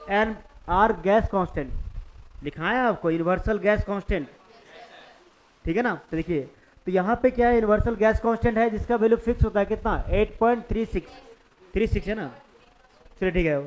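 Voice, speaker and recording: A man with a high-pitched voice teaches physics to a class, his speech carrying an eastern Indian Hindi accent. He talks in a loose, conversational way, repeating the steps and pausing to ask whether everyone follows. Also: a little mellow, rough recording. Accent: Hindi-speaking eastern India. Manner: conversational, keeps checking understanding with the class. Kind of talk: classroom lecture.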